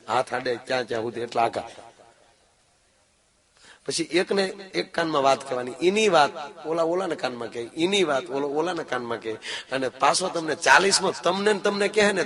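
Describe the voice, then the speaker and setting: A man telling a humorous folk tale live, speaking lively and straight to his listeners. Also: on the high side. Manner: lively, talks straight to the audience. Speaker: folk storyteller.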